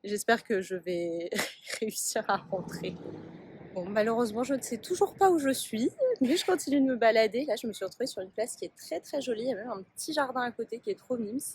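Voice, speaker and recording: A woman's voice: a little high, lively intonation, fast, a little mellow, slight background noise. A young woman from France chatting casually to camera as she walks around outdoors, laughing at herself as she goes. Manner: chatty, self-mocking, laughs easily. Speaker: travel vlogger. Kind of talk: casual vlog commentary. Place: outdoors in town streets, on a boat.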